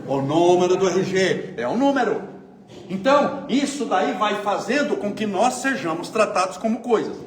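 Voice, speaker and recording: A man from São giving a spiritist lecture, telling everyday stories and asking his audience rhetorical questions in a conversational, lively way. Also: sits high, moderate pace. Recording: echoey room, faint ambient noise.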